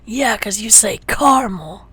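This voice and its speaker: A young woman at a middle pitch, tired and playful as she chats through a gaming stream. She teases her partner, slips into soft half-whispers and hums little songs to herself. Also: lively intonation, normal speed, slightly rough. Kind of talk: casual gaming chat.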